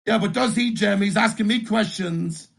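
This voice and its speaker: A man's voice: sits high, moderate pace, creaky, fairly bright tone. A man arguing combatively in a voice chat, rambling and swearing. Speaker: flat earth debater on voice chat. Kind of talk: heated voice chat argument.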